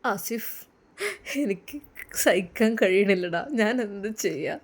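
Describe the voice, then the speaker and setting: A woman voicing a heartbroken young male police officer who pleads in a low, sobbing voice. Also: moderate pace, a little mellow, close to an everyday voice.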